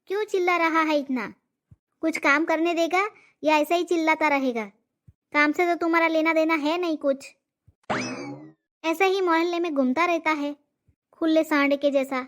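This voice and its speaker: A woman voicing a sharp-tongued old mother in a cartoon comedy, scolding and throwing insults. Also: high voice, fairly even intonation, normal speed, pauses often. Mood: irritated scolding.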